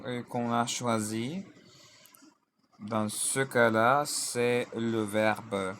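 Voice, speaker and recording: Guy teaching grammar super slowly, reads out verb lists one by one, spells letters out. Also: mid-range voice, fairly bright tone, a little hiss or hum. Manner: deliberate, spells out endings letter by letter; drills conjugations in lists. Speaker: language teacher. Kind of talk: French grammar lesson.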